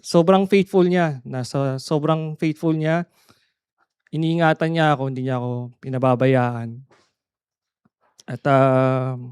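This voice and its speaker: A man's voice: mid-range voice, darkish tone, smooth, no room sound, studio quality. A man from the Philippines giving thanks at a church prayer meeting, earnest and polite, with frequent hesitations. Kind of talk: personal testimony at a prayer meeting.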